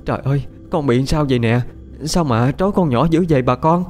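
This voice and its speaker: A man's voice: mid-range voice, brisk, darkish tone, faint music behind, voice pushed up, natural voice. A man playing a distraught village mother who wails in grief.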